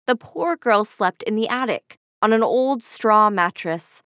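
A woman's voice: mid-range voice, no room sound. Woman narrating a fairy tale, dry close sound. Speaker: storyteller. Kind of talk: scripted storybook narration.

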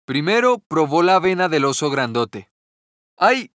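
A man narrating a children's fairy tale in a gentle, measured storytelling manner. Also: on the high side, expressive, dry recording, studio quality.

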